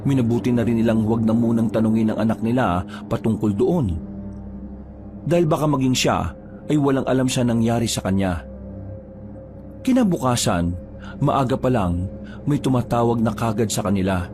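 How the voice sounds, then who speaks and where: A man reading a folk horror tale aloud as a storyteller, in a measured, storytelling way. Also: mid-range voice. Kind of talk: scripted horror story narration. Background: background music.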